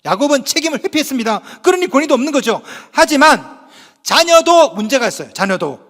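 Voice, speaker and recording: High-pitched lively male pastor preaching. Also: a little fast, long reverb tail. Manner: emphatic preaching with rhetorical questions. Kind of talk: sermon. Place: church sanctuary.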